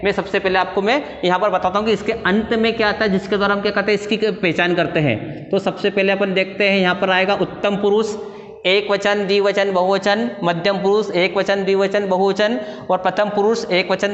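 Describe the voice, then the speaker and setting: High-voiced teacher in an echoey hall. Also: male voice, level tone. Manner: patient, drills endings in slow recited lists and addresses students fondly. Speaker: school Sanskrit teacher. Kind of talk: classroom grammar lesson. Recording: echoey hall, dull lo-fi sound.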